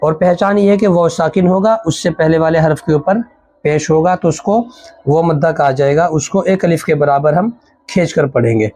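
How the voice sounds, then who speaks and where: A man who teaches Arabic, giving a Quran reading lesson that switches from brisk explaining to slow, drawn-out letter drills. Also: fairly high pitch, darkish tone, no room sound, low-quality recording.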